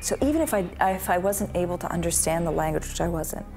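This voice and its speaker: A woman's voice: lowish voice, animated, quick pace, darkish tone. A middle-aged woman recalling her own life in a documentary interview, recorded indoors on a close mic. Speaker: lawyer interviewee. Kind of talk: documentary interview, personal recollection. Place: small indoor room with bookshelves. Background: music.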